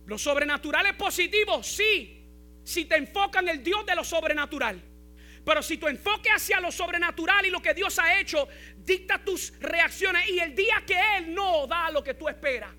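A man's voice: very high voice, lively intonation, moderate pace, bright, forceful tone. A male pastor preaching a sermon, repeating key phrases and building in intensity.

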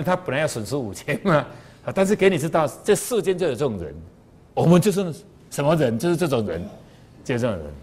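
A man delivers a moral lecture to a class. He tells stories in a loose, conversational way and leans on sentence particles. His pitch rises and falls a great deal, so the talk sounds lively. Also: breathy edge. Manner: animated colloquial storytelling with frequent sentence particles.

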